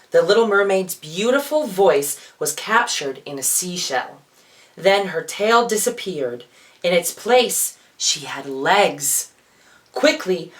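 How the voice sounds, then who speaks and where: This is a theatrical children's storybook reading full of drama and playful asides. The storyteller, a drag performer, has a feminine-sounding, mid-range voice with a slightly bright quality.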